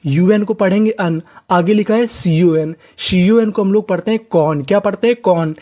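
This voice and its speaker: A man's voice: high voice, moderate pace, darkish tone. A man teaching an English spelling lesson step by step, patiently breaking words into syllables and repeating each one as he asks the class.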